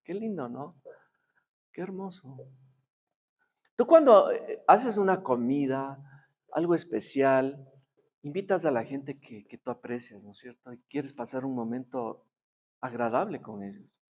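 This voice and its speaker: Using a lively, darkish mid-pitched voice, a man delivers a chatty sermon at a slightly slow pace with frequent pauses. He regularly seeks his audience's agreement and performs the voices of characters in his stories; the recording is dull and lo-fi.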